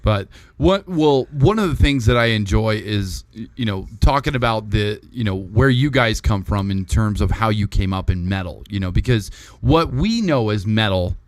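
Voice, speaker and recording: A man in his thirties hosting a podcast, asking questions in a halting way with frequent restarts and "you know"s. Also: on the low side, expressive, no room sound, clean studio sound. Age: 30s. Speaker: podcast host. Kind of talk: casual chat.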